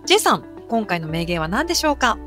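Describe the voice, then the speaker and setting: A woman co-hosts a relaxed language podcast, friendly and quick to agree. She explains with examples like a teacher, her voice rising and falling freely over faint background music. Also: medium pitch. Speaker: podcast co-host, English teacher. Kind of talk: casual podcast chat about English pronunciation.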